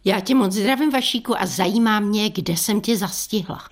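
A woman radio host presenting a listener story segment and greeting a guest with clear, articulated delivery. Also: mid-range voice, background noise.

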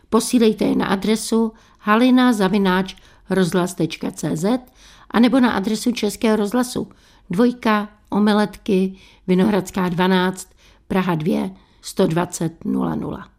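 Woman, radio host, gravelly, mid pitch, clear articulated presenting. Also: a little mellow. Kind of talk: radio presenting and story reading.

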